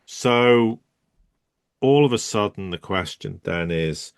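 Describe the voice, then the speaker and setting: A man's voice: on the low side, lively intonation, slow pace, creaky, clean tone, no echo, studio quality. A man, co-hosting and giving emphatic, rambling geopolitical commentary. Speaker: co-host.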